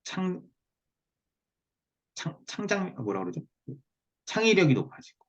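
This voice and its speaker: A man teaching over a muffled, lo-fi video call, with a husky voice. His pitch moves up and down freely as he explains, and he often stops to check that the student follows with short tag questions. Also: sing-song, measured pace. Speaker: teacher of Korean saju fortune-telling. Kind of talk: one-on-one online lesson, explanatory talk.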